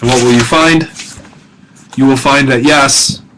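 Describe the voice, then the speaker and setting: A man's voice: medium pitch, fairly even intonation, measured pace, background noise. A middle-aged male professor talking students through a grammar lesson, casual and self-correcting, with many fillers and check-ins. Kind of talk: recorded lesson narration.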